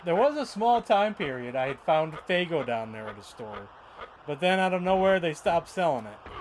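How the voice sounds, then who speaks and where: A man's voice: on the high side, slight background noise, low-quality recording. A man with a Michigan accent chatting casually and rambling, often repeating words as he tells stories. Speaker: streamer. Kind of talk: casual chat.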